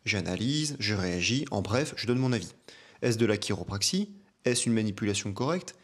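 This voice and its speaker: A man's voice: lowish voice, lively intonation, moderate pace. Chatty male chiropractor commenting. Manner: chatty, hesitant with many fillers. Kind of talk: reaction video commentary.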